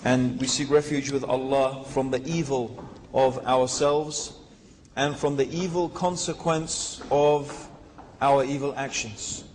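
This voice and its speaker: A man telling his personal story in a religious talk, measured and pausing with fillers. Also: medium pitch, fairly even intonation, darkish tone, a little hiss or hum. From England. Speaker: guest speaker. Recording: reverberant lecture hall.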